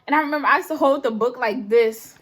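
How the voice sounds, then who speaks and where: A young woman in casual chat, telling school stories in an animated way and acting out the people she quotes. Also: sits high, quick pace, a crowd in the background. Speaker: storyteller.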